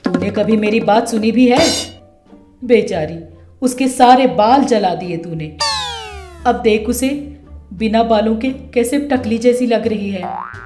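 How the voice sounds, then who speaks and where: A woman's voice: medium pitch, animated, takes it slowly, long pauses. A woman voicing a stern older mother-in-law with magic powers, lecturing in a cartoon story. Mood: scolding. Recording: roomy echo with faint music.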